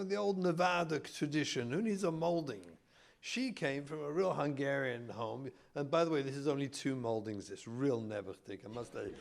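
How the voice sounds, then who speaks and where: A middle-aged English rabbi with an English accent gives a humorous talk to an audience in a community hall, telling stories punctuated by mock-indignant asides. His voice is mid-range and creaky.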